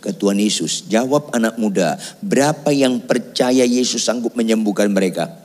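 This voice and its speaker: A middle-aged male pastor preaching a lively, joking sermon, quizzing the congregation and at times shouting. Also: on the low side, normal speed. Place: large church hall. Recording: long church hall reverb.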